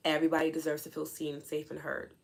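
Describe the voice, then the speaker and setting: A woman's voice: sits low, fast, creaky. Earnest woman livestreaming to her chat. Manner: earnest, questioning, animated asides. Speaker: livestream host, spiritual coach. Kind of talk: casual livestream talk, reading chat.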